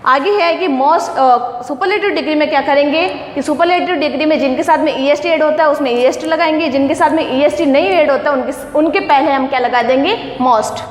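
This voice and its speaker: A woman's voice: high voice, fairly quick, few pauses, a little hiss or hum. A woman teaching an English grammar lesson, asking questions and answering them herself. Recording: echoey room with faint ambience.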